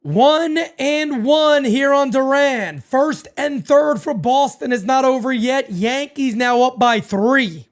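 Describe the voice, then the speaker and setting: Calling the action play-by-play for a live fan watch party, this host chats with his viewers in a very high-pitched voice, talking slowly with few pauses. His voice is giving out, yet he still gets worked up, yelling at big plays and cursing freely.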